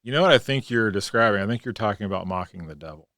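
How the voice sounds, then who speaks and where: A man co-hosting a podcast, telling stories in a relaxed conversational way and acting out the quotes. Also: lowish voice, racing, dry recording, clean studio sound. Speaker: podcast co-host. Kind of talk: reflective conversational storytelling.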